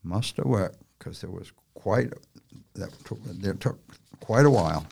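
Gravelly man reading a folksy tale. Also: on the low side, animated, darkish tone. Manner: folksy, unhurried storytelling with rural dialect. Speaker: audiobook narrator. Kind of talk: storytelling reading of a novel.

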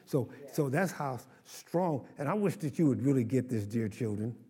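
A man's voice: mid-range voice, animated, moderate pace, warm tone, slightly rough, in a large hall. An older man, a pastor preaching a sermon with call-and-response to his congregation.

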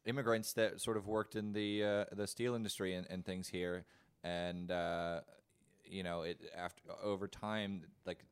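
A man's voice: low voice, flat delivery, measured pace, clear, resonant tone. A man, a podcast guest who speaks tentatively and hedges his points in a casual chat. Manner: tentative, hedging.

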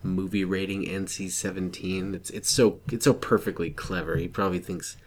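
Male podcast co-host, fairly low pitch, sarcastic grumbler, casual comedic banter. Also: steady tone, normal speed.

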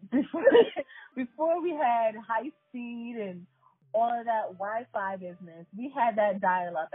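A woman in her thirties or forties from the New York area, hosting a casual chat and telling stories in an animated way. She laughs often and talks straight to her listeners. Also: medium pitch, slightly rough, dry recording. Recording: tinny phone-like line, dry, faint music.

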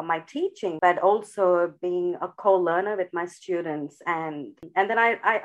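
This guest on a podcast is an Indian woman who works as an educator, and she considers the interview questions with care, with many restarts and fillers. Her pitch is medium, and the sound is lo-fi.

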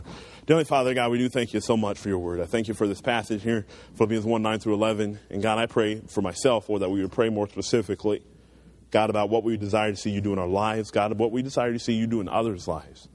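A man's voice: fairly low pitch, steady tone, fast, darkish tone. A young man preaching a sermon to a youth group, earnest and emphatic, pushing his voice up on key points and then settling into a prayer. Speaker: youth pastor.

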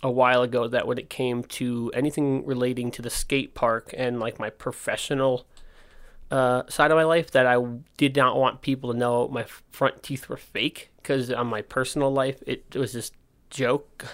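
Speaking at a normal speed in a steady, medium-pitched voice, a podcast host who also owns a skate park chats informally on his own. A slight lisp comes from his missing front teeth. His talk is candid and rambling, and he frequently breaks off to put things another way.

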